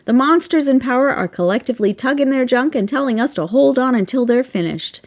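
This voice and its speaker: A woman's voice: high voice, expressive, a little fast. A woman in her fifties telling a personal story in a blunt, emphatic way, swearing freely and building to a passionate rallying call. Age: 50s. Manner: impassioned, rallying. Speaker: social media storyteller.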